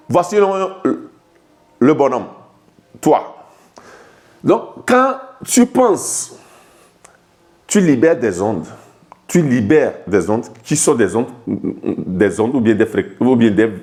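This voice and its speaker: In a fairly low, slightly mellow voice, a life coach from Togo walks the viewer through ideas in a relaxed video lesson. He speaks to them familiarly and often repeats words or starts over.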